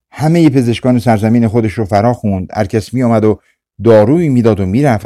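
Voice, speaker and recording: A man narrates an old folktale in a calm, measured way. His voice is warm and mellow, sitting at an ordinary middle pitch. The recording is dry and close, with no room sound around it. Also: no echo. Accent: Persian. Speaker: audiobook narrator. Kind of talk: scripted storytelling narration.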